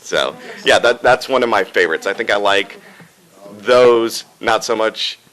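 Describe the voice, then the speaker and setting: A man, a voice actor, chatting casually in an interview, rambling and animated. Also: lowish voice, unhurried, rough recording. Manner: animated, rambling, laughs often. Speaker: voice actor guest.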